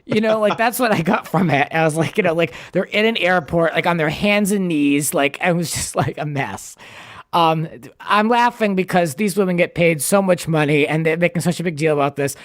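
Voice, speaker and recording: Chatty male podcast host, higher voice. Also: normal speed, no echo, studio quality. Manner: chatty, filler-heavy, laughing along. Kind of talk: casual chat.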